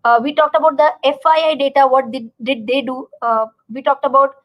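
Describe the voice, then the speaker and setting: On a live stream with lo-fi sound, a finance educator with an Indian accent explains the market informally, teacher-style. Her voice sits high, her intonation fairly even, her pace a little fast, and she repeats words for emphasis while making sure listeners keep up.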